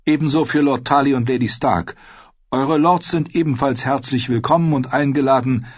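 A man's voice: medium pitch, normal speed, husky, dry recording, voice pushed up, close to an everyday voice. A man voicing a carefully formal young lord. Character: stiffly polite young male lord. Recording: dull, slightly lo-fi audio.

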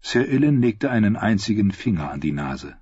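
A man narrating an audiobook in a measured, steady reading style. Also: fairly low pitch, background noise. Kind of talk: scripted narration. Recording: dry, dull audio.

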